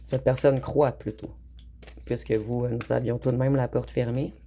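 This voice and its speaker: A woman giving a calm, unhurried tarot card reading, speaking directly to her viewers. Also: a bass voice, slight background noise. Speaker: tarot reader.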